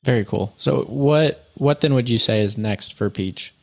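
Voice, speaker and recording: A man's voice: mid-range voice, unhurried, vocal fry. A man interviewing a guest as podcast host, asking questions in a casual way.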